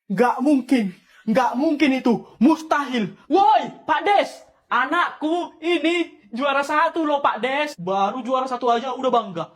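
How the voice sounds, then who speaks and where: A woman performing a comic sketch, switching between exaggerated, shouty village characters. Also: high voice, moderate pace. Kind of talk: comic sketch with many voices.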